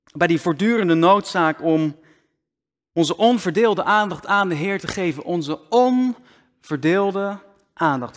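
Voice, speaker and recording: A man preaching a sermon slowly and deliberately, often dropping to a near-whisper for emphasis, speaking into a microphone. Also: a little high. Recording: long hall reverb.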